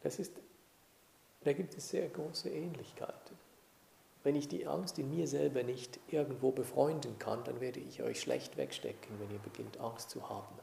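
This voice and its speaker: Calm meditation teacher guy, gravelly dark voice, echoey room with a bit of hiss. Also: medium pitch. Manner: calm, unhurried, thoughtful with frequent "ja?" checks. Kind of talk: dharma talk to a group.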